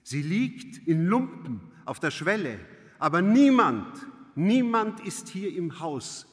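A man's voice: on the high side, sing-song, slow pace. Man voicing a fervent young maid. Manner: fervent, pleading. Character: very young devoted serving maid, girl. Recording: long hall reverb.

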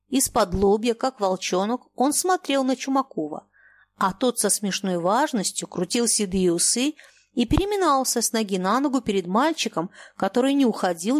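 A woman narrating an audiobook in a measured, expressive storytelling manner. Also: on the high side, no echo. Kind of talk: scripted narration.

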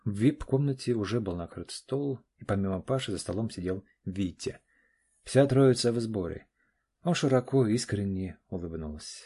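A man narrating an audiobook in a measured, even storytelling manner. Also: lowish voice, breathy edge. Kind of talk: scripted narration.

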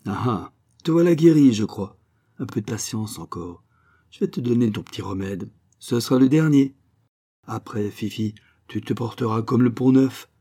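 A man reading a story aloud, voicing a kindly farmer who talks fondly and heartily to a pet bird in a raised, lively voice. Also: mid-range voice, normal speed, close to an everyday voice. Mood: warm, jovial. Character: kindly good-humored male farmer, tender with a pet bird. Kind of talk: storybook character voice.

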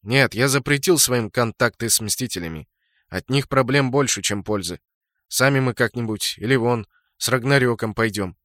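Brief: man playing a gruff clan leader, blunt and commanding, dry close sound. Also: medium pitch, normal speed, a bit bright, no echo, close to an everyday voice. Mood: grumbling. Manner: barking orders, blunt. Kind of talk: audiobook character voice.

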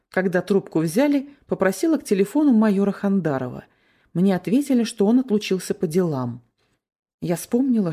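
A woman's voice: medium pitch, mellow, breathy edge. A woman reading a first-person story aloud, tense and emotional in the dialogue. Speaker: narrator.

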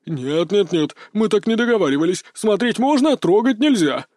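Guy doing a big fussy ginger cat, whiny and haughty, raised pitch, dry sound. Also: animated, normal speed, darkish tone, dry recording. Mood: alarmed. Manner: sulky, bargaining, whiny. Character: huge haughty ginger talking cat, male. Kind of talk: audiobook character voice.

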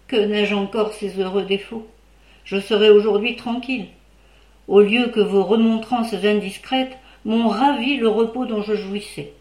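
A woman's voice: on the high side, natural voice. A woman voicing a distraught young noblewoman who begs her old servant for help, in an imploring, tearful manner. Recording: roomy echo.

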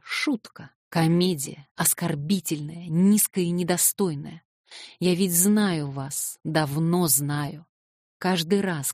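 A woman's voice: deep voice, darkish tone, no echo, studio quality. A woman voicing a proud, wounded young woman. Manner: accusing, impassioned. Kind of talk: audiobook reading.

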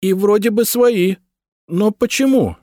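A man voicing a sharp-eared young noblewoman in a raised, higher voice. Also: measured pace, no echo, clean studio sound. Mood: uneasy.

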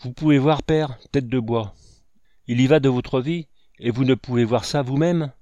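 A man voicing a gruff older frontier sergeant who gives brisk, scolding orders to his son in a storybook reading. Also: medium pitch, mellow, no room sound, lo-fi sound, natural voice. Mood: commanding.

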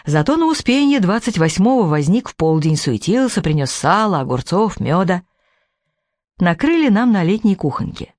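A man narrating a storybook in an expressive, animated reading. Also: sits high, moderate pace, dry recording, studio quality. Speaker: audiobook reader.

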